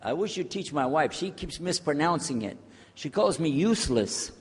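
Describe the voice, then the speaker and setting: A man speaking on Islamic outreach gives a casual, joking lecture to a live audience, chatting and checking in with them. His voice is on the high side and animated at a moderate pace, with long hall reverb and slight background noise.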